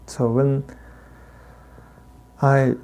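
A man with a heavy Tibetan accent, a native Tibetan speaker, giving a Buddhist dharma talk as a teacher in halting, deliberate phrases with long pauses. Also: mid-range voice, little pitch movement, mellow, a little hiss or hum.

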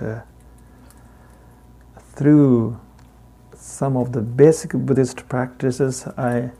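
A man with a dark tone and medium pitch teaches Buddhism in a dharma talk. He is a native Tibetan speaker with a heavy accent, and he speaks in halting, deliberate phrases broken by long pauses.

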